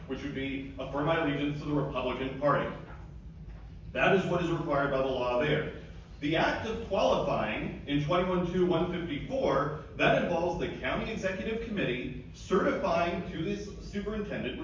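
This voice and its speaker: A man speaking as an attorney giving a closing argument at a hearing, emphatic and argumentative, sometimes stumbling and repeating words. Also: a little high. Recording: echoey room, distant mic, faint noise.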